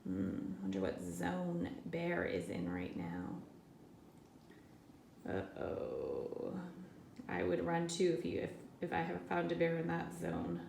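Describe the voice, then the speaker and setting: A woman reading a picture book aloud to children, slow and expressive. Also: fairly low pitch, creaky, a little hiss or hum. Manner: slow, expressive, sing-song. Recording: echoey room.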